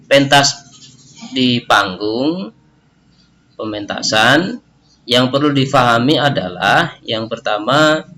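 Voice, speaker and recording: A man's voice: mid-range voice, sharp tone, slight background noise. A male teacher giving a recorded lesson, explaining step by step and tagging his sentences with a questioning "ya". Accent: Indonesian.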